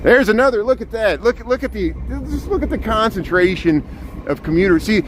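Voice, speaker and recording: An urban planner live-streams a walking tour on city streets, chatting casually and pointing out trains and buildings as he goes. His loud voice sits high and sounds animated and a little fast, over noisy street traffic.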